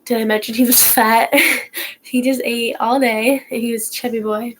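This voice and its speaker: A teenage horse vlogger with a stuffy nose from a cold tells her viewers a story at home, rambling casually with plenty of fillers and restarts. Her voice is a little high and level at normal speed, in a rough recording.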